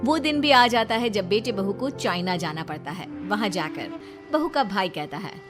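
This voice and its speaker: Animated woman narrator over prominent music. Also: mid-range voice, moderate pace. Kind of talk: animated scripted storytelling in Hindi.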